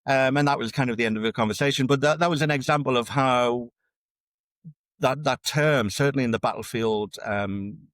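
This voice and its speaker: A man with a mid-range, slightly bright voice is interviewed as a guest and dark tourism researcher, explaining ideas conversationally yet academically at a moderate pace. He often repeats words as he restarts, and there's no room sound.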